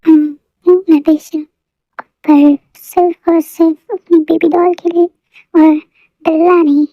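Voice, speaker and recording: A woman's voice: very high voice, level tone, a little slow, no room sound. A woman voicing a teasing mafia boss husband. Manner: playful, flirty, boastful. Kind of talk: fan audio story. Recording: dull lo-fi dry recording.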